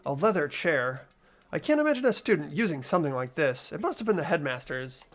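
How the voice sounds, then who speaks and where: Someone voicing Makoto, an animated, earnest teenage schoolboy. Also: mid-range voice, fairly quick. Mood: curious. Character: Makoto, earnest, hesitant teenage schoolboy narrating his investigation. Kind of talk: visual novel voice-over reading.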